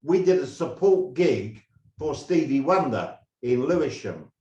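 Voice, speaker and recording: An older man from England, a former drummer, telling stories in a halting, rambling way with many restarts. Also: mid-range voice, lively intonation, mellow, dull audio. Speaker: guest, former band drummer. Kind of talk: casual interview storytelling. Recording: roomy echo.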